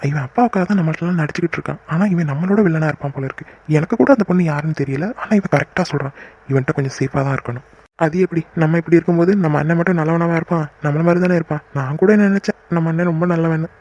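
A man voicing young men in a Tamil-language cartoon, with quick teasing banter. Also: on the high side, darkish tone, muffled recording.

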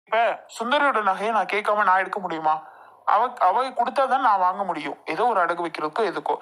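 A woman's voice: medium pitch, close to an everyday voice. A woman playing a hot-tempered protective brother. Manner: loud, insistent, argumentative. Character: hot-tempered man defending his younger sister. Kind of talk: family quarrel skit.

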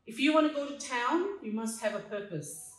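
Soft music plays behind a Fijian woman in her fifties, a community association president, as she gives an animated, moderately paced personal speech in a fairly high voice. She reads from notes at a stand mic, joking and laughing at herself. The roomy recording comes from a distance in a small, dark stage hall.

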